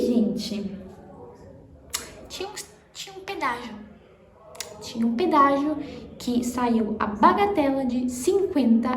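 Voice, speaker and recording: A young woman giving a chatty, casual language lesson, laughing and exaggerating pronunciation drills. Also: on the high side. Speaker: Spanish teacher. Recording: roomy echo, faint ambience.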